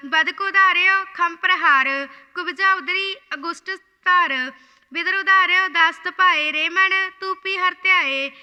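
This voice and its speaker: A woman reciting scripture line by line in a slow, measured chant, repeating phrases after correction. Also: very high-pitched, bright, forceful tone, long reverb tail.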